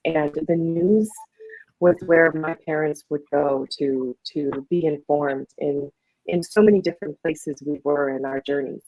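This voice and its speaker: A woman in her forties from Afghanistan, a journalist, speaking reflectively with pauses on a panel. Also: low voice, steady tone, dark tone, no room sound, low-quality recording. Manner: reflective, with many fillers and pauses. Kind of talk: panel discussion.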